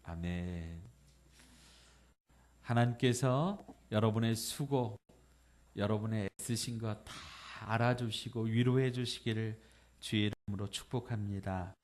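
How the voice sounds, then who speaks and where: A male pastor giving a Sunday sermon, reading a poem and a letter aloud gently and slowing down on the tender lines. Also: on the low side. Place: church sanctuary.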